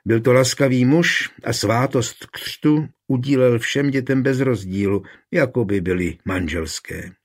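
A man narrating a historical novel in a measured, even storytelling manner. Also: medium pitch. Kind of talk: scripted audiobook narration.

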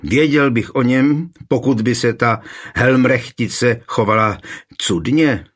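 A man's voice: mid-range voice, natural voice. A man voicing a spoiled, lying young man pleading and accusing in a raised, whining voice.

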